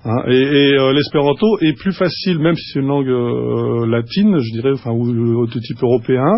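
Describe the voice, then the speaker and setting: A man's voice: medium pitch, fairly even intonation, no room sound. A man speaking as a guest on a radio show, explaining patiently and restarting his sentences often. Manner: explanatory, halting with many restarts and fillers. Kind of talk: radio studio conversation. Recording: dull lo-fi radio recording.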